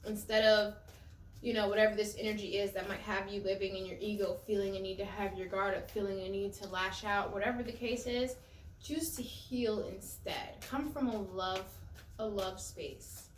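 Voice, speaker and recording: A woman gives a relaxed tarot reading to her viewers, talking in a loose, conversational way that circles back over her own phrases. Her voice sits a little off from the mic in a roomy, echoey space, with a faint hum underneath. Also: medium pitch, moderate pace, recorded from a distance. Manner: conversational, repeats and restarts phrases. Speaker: tarot reader. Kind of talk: casual spiritual tarot reading.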